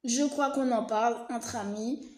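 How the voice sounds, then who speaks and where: A woman vlogger chats casually to camera, explaining things in a slightly high, slightly mellow voice with fairly even intonation and a measured pace. She's hesitant and informal, full of fillers, restarts and reassuring asides, and the recording has a roomy echo.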